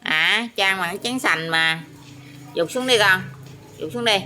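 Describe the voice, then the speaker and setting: A woman's voice: medium pitch, moderate pace, bright, forceful tone, a little hiss or hum. A woman with a Southern Vietnamese accent talking to her pet parrot, teasing it and asking it questions over and over. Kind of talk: casual talk to a pet.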